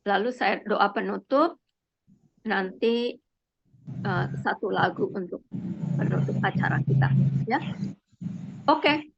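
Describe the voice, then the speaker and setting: A woman leading an online prayer meeting on a video call, calling on each person gently by name. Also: medium pitch, expressive, takes it slowly, creaky, pauses often, muffled recording, a little hiss or hum.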